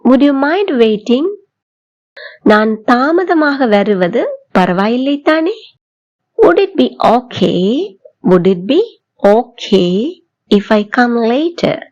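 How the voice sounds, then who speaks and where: A woman with a Tamil accent teaching spoken English, drawing out model sentences slowly for learners to repeat. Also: a little high, big pitch swings, darkish tone, lo-fi sound. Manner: slow, drawn-out model sentences for repetition. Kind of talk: bilingual language lesson.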